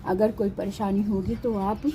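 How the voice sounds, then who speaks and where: A woman's voice: medium pitch, level tone, normal speed, dark tone, slight background noise, poor audio. A woman teaching a patient, step-by-step lesson, saying each syllable twice. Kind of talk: slow step-by-step Hindi lesson.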